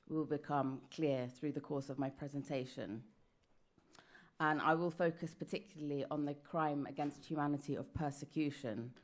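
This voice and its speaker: A British woman with a low voice delivers a careful conference talk, slow and measured. She sounds like a panelist addressing a hall. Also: a little mellow. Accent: British English. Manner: measured and careful, speaks slowly.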